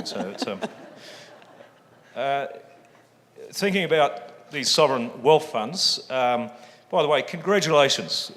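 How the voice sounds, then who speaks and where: The speaker, a chief executive of a fund, sits on a panel at a public forum, his mid-range voice a bit bright and his New Zealand accent clear. Self-deprecating jokes and frequent ums mark his talk, which echoes with the long reverb of a large hall.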